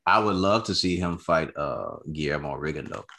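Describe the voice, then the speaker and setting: A man co-hosting a boxing chat show, bantering in a relaxed way with joking slang. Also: a bass voice, moderate pace, gravelly. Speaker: boxing podcast co-host. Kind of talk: casual sports chat.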